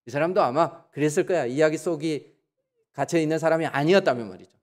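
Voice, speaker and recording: A man preaching a Sunday sermon in a church, asking the congregation rhetorical questions and acting out quoted voices with sudden jumps in pitch. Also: quick pace. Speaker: pastor. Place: church sanctuary.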